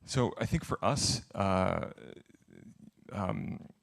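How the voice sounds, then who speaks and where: A man's voice: sits low, extremely slow, vocal fry. A man answering audience questions at a conference, candid and thinking aloud as he talks. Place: conference event.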